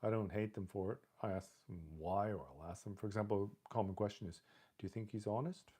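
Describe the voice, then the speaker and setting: A man's voice: lowish voice, fairly even intonation, fast talker, dark tone, slightly rough. Rambling man in a casual livestream. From lives in Canada. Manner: rambling, conversational, with many fillers like "you know" and "right"; laughs now and then while talking. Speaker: livestream host.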